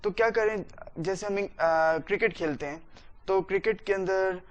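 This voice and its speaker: A man's voice: high-pitched, highs cut off. A man with a Pakistani accent teaching a recorded spoken-English lecture, stretching out words to show the stress. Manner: drawn-out, exaggerated word demonstrations.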